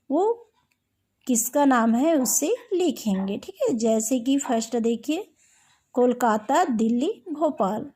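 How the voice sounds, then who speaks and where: A woman's voice: fairly high pitch, mellow. A woman teacher giving a primary-school lesson, patiently asking questions and answering them herself. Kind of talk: recorded class lesson.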